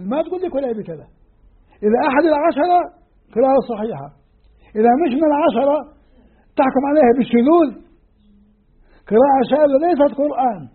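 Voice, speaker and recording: A man teaching a class on the Quran, counting off lists and quizzing his students. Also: extremely high pitch. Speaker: sheikh teaching Quranic sciences. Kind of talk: classroom lecture. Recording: tinny phone-like lo-fi recording.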